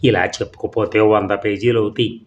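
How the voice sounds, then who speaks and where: A man voicing a meek young wife who speaks in a hushed, patient, pleading way. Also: lowish voice, fairly even intonation, brisk, natural voice. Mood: hushed, rueful.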